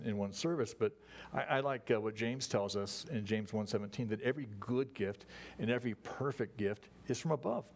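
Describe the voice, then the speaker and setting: A man preaching a sermon to his congregation in a folksy, conversational way, often restarting his sentences. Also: fairly low pitch. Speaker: pastor. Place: church service.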